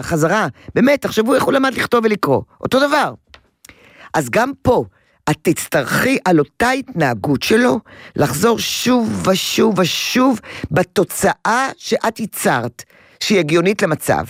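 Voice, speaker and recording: A woman's voice: on the low side, dry recording, clean studio sound. A woman advising a caller on parenting, emphatic and repeating words for stress. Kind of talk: radio call-in advice.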